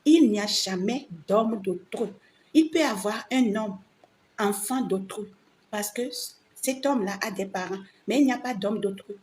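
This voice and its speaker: A female vlogger who speaks French as a non-native language gives an informal opinion monologue to other women in a mid-range, darkish voice at normal speed. She's emphatic, repeating phrases for emphasis, over noticeable background ambient noise.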